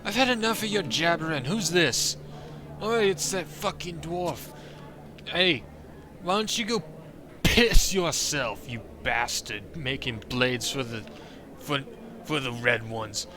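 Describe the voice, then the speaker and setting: A man voicing a rowdy, belligerent drunk townsman who slurs and shouts insults. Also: on the high side, animated, slow pace, a crowd in the background, pitched above the performer's own voice. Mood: jeering. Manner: slurred shouting, jeering.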